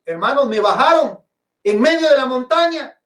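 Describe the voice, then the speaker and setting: High-voiced pastor preaching in an echoey hall. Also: male voice, animated, moderate pace, a bit bright. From Guatemala. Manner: dramatic storyteller, often addresses listeners as brothers and sisters. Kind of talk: sermon with personal testimony. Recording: echoey, from a distance.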